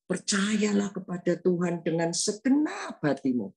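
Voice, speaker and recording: Woman in her eighties, Javanese accent, deep voice, gravelly, homely conversational sermon. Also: very animated, measured pace, a little mellow. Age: 80s. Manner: homely, addresses listeners often as brothers and sisters. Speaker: preacher. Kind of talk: conversational sermon with a personal story.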